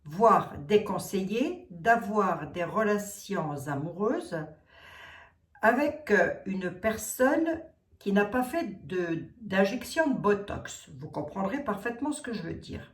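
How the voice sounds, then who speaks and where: A tarot reader with a Lorraine French accent talks casually to her viewers, chatty and teasing and quick to laugh at herself. Her mid-range voice is sing-song and slow. She sits far from the mic, so the sound is roomy.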